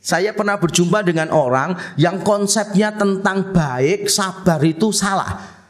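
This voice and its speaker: High-voiced male pastor, lively humorous sermon with acted-out quotes. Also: a little slow. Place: church.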